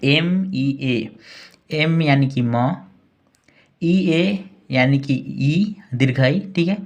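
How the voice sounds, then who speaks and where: Man teaching spelling slowly, letter by letter. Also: on the high side, highs cut off. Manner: spells words out slowly letter by letter, many "thik hai" checks. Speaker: English teacher, channel host. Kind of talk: spoken language lesson.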